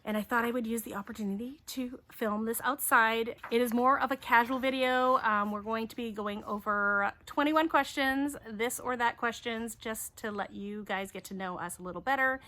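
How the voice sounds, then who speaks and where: A woman's voice: fairly high pitch, normal speed, few pauses, pushed and bright, a little hiss or hum. A woman who grew up in Taiwan hosts a homeschooling channel, chatting casually outdoors as she answers questions one by one. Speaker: homeschooling YouTube host. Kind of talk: casual chat.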